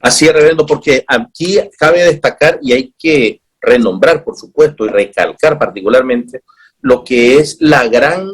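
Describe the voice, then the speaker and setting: A man's voice: medium pitch, moderate pace, slightly rough. A man hosting a TV talk show, formal and emphatic, often restarting his phrases. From Nicaragua.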